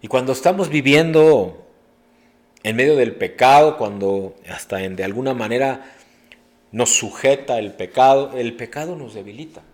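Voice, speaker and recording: A man's voice: medium pitch, expressive, normal speed, a little mellow. A middle-aged man preaching a sermon as a pastor, earnest and preacherly, with sudden emphatic rises.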